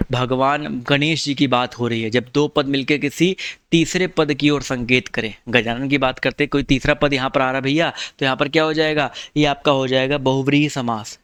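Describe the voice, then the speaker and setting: A man's voice: mid-range voice, a bit bright, clear, resonant tone, dry recording. Guy teaching a hindi test online, clean resonant voice, keeps asking students if they got it. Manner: explains each answer step by step, keeps asking students questions and "ठीक है". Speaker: Hindi exam-prep teacher. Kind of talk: online test walkthrough lesson.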